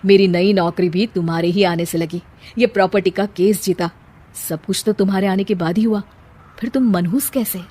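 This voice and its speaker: A woman voicing a gentle young husband in a cartoon story, speaking softly and reassuringly. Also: medium pitch, fairly even intonation, fast talker, lightly acted. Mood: tender. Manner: soft, reassuring.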